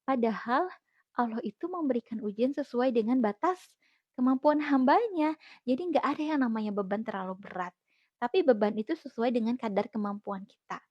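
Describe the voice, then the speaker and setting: Gentle, slightly high-voiced woman host. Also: expressive, a little fast, dry recording. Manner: gentle and reflective, repeats phrases for emphasis. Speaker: host of a live Q&A, a kidney failure patient. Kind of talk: casual faith-based encouraging talk to viewers. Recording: dry, slightly dull lo-fi sound.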